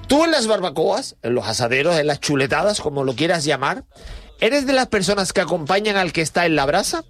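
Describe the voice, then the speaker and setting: A man hosting a radio show, chatting casually and teasing his guest with quick asides. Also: sits high, a bit bright. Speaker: radio host. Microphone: studio microphone.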